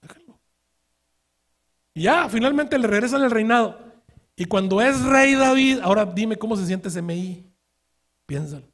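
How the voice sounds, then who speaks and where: A man preaching a sermon as pastor, telling a story with rhetorical questions and acted-out quotes, swinging from quiet asides to loud outbursts. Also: high-pitched, animated, moderate pace.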